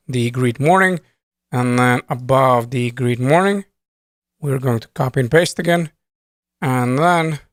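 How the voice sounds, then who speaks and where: A man's voice: medium pitch, no room sound, studio quality. A man teaching programming in a screen-recorded tutorial, talking casually and thinking aloud as he types code. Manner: conversational, thinks aloud while typing code. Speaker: programming instructor.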